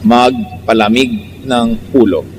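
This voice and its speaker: A male preacher delivers a sermon, teasing his listeners and firing off rhetorical questions. His voice sits at an ordinary middle pitch. A faint hum of passing vehicles lingers behind him. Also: fairly even intonation, slow, rough recording.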